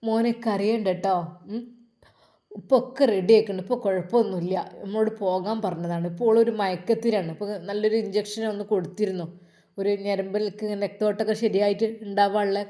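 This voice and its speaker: A woman voicing a calm husband who gently reassures and explains. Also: mid-range voice, quick pace, close to an everyday voice. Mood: reassuring.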